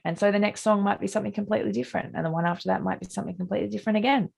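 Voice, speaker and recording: Over a video call, a middle-aged Australian woman musician answers interview questions in a loose, rambling way, full of "like" and restarts. Her husky, gravelly mid-range voice is steady and darkish, and she speaks rapid-fire.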